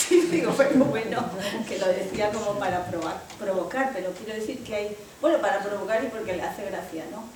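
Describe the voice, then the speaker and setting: A woman's voice: medium pitch, quick pace, few pauses, recorded from a distance, background noise. Woman Alcañiz, echoey hall. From Alcañiz, Aragón. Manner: anecdotal, animated, with frequent hesitations. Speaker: audience member. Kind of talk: spontaneous contribution in a seminar discussion. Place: seminar room. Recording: echoey hall, voice picked up from afar.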